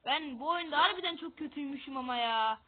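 A woman giving casual gameplay commentary, excitable and self-mocking about her own losing. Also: high voice, quick pace. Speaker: gamer. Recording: tinny phone-like audio.

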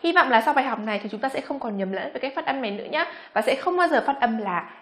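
Woman, Vietnamese accent, young adult, slightly high voice, pronunciation teacher, slow drawn-out model words. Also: expressive. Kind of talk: classroom pronunciation lesson.

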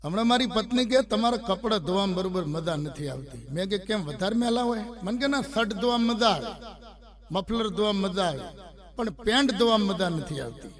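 A man's voice: high-pitched, lively intonation, fairly quick. A middle-aged man with a Gujarati accent, telling comic stories and voicing the people in them. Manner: storytelling with voiced quotes of characters. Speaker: comedian telling jokes. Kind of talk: Gujarati stand-up joke telling. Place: recording studio.

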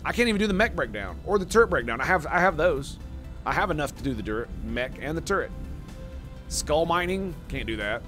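A man's voice: on the high side, very animated, a little fast, a bit bright, faint music behind. A man casually commentating his strategy game on a live stream, swearing and groaning at his own mistakes.

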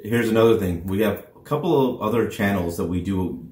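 A man in his thirties chatting casually to camera as a co-host, in a hesitant, halting way. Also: lowish voice, darkish tone. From Chicago, US. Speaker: food review co-host and channel presenter. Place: indoors, small room on a sofa. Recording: echoey room sound.

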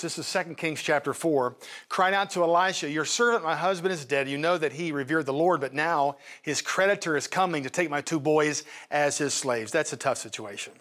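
A man hosting a faith and finance show, teaching from the Bible in an animated way. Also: on the high side. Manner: animated, acts out Bible voices. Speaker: host and teacher.

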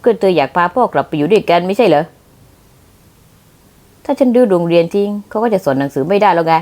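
A woman's voice: on the low side, animated, fast, a little mellow, pitched below the performer's own voice, close to an everyday voice. A woman voicing a cocky young male company boss who teases with a smug manner, in a manga dub. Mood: smug teasing. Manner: smug, teasing.

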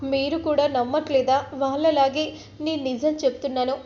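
A woman's voice: high voice, fairly even intonation, moderate pace, warm tone, natural voice. Woman voicing an earnest young woman in love. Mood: earnest pleading. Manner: pleading, earnest. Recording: roomy, slightly dull recording.

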